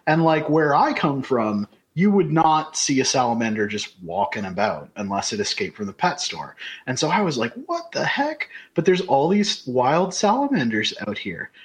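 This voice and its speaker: A man's voice: mid-range voice, lively intonation, normal speed. A man co-hosting a podcast, chatting casually in a rambling, conversational way. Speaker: podcast co-host. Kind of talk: casual chat.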